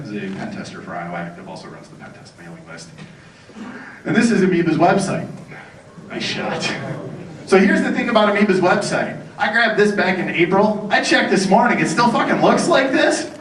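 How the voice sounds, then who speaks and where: With a mid-range, slightly bright voice, a conference speaker mocks his targets in a profane, sarcastic talk and banters with listeners. The recording comes from a distant microphone in a noisy, echoey conference hall.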